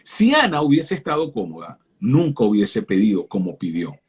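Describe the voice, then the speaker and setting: A man's voice: on the low side, sing-song, normal speed, breathy edge. A man giving a fervent sermon-style talk as a guest speaker on a live stream, speaking directly to his listeners and often repeating words as he starts a phrase.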